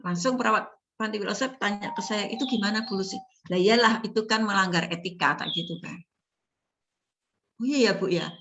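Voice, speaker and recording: A middle-aged woman, a nursing lecturer telling stories in a casual, animated class talk full of rhetorical questions. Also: medium pitch, fast talker, background noise. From Indonesia. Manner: chatty, animated storytelling with laughs and rhetorical questions.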